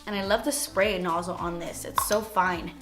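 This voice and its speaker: A woman's voice: lowish voice, steady tone, moderate pace, fairly bright tone. A young woman vlogging a makeup tutorial in a casual, chatty way. She keeps dropping "like" between phrases as she explains each step. Faint music plays in the background. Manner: chatty, frequent "like" fillers. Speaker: beauty vlogger.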